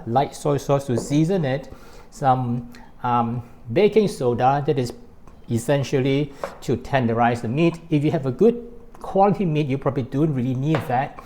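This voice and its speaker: This man, a cooking show host with a Malaysian accent who was born in Hong Kong and grew up in Malaysia, walks through a recipe demonstration to camera step by step. He has a mid-range voice with a dark tone.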